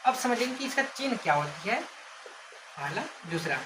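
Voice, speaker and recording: A woman with a mid-range voice and lively intonation teaches children grammar at an unhurried pace, repeatedly quizzing the class. She draws out example words, stretching out called names as examples, against noisy background ambience.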